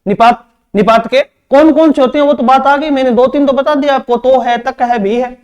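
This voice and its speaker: High-pitched grammar teacher. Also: male voice, steady tone, a little fast, a little mellow. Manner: repetitive, drills each phrase, asks and answers his own questions; addresses students as "beta". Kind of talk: exam-prep grammar lesson.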